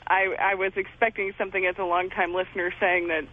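A man's voice: high-pitched, little pitch movement, fast. A man calling into a radio show as a longtime listener, earnest and a little stammering. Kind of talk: call-in conversation. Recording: tinny phone line.

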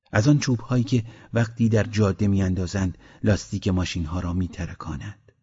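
A man from Mazandaran, Iran, calmly reading a short story aloud as an audiobook narrator. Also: fairly low pitch, breathy edge. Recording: dull lo-fi audiobook recording.

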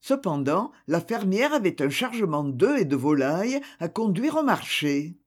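A narrator reading a children's story aloud in a slow, expressive way. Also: medium pitch, breathy edge.

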